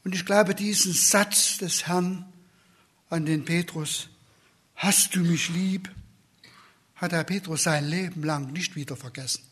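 A man preaching a sermon in a slow, earnest way, dropping to a soft whisper for repeated questions. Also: fairly high pitch, slightly rough.

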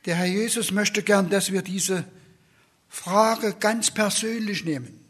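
Male preacher, slightly higher voice, husky, earnest sermon delivery. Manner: slow, earnest, soft whispered questions.

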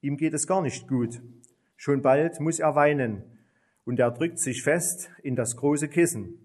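A man narrating a children's story in a slow, gentle reading voice. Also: on the high side.

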